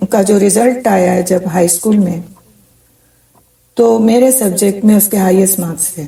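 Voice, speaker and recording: A woman's voice: medium pitch, gravelly, warm tone, far from the mic, rough recording. A middle-aged woman giving a Quran commentary lecture, telling stories from her teaching in an earnest way.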